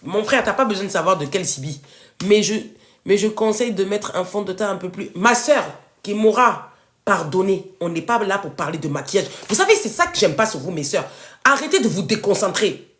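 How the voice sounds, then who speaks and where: A woman life coach with a big, commanding voice, talking live to her followers and urging them on loudly and emphatically. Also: medium pitch, animated, fairly quick. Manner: loud, emphatic, scolding and exhorting viewers. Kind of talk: live stream talk to followers.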